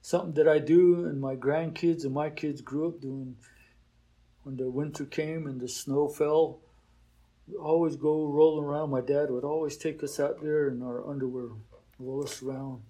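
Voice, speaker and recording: An older Oklahoma man who teaches at a boarding school reflects unhurriedly during an interview, sprinkling in plenty of "you know." His voice is dark and relaxed yet on the high side, and the recording quality is low.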